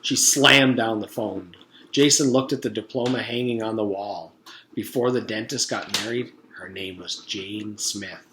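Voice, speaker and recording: In a room at home, a teacher in his forties reads a children's story aloud in a fairly low, unhurried voice, adding casual recaps. The recording has a roomy echo and background noise.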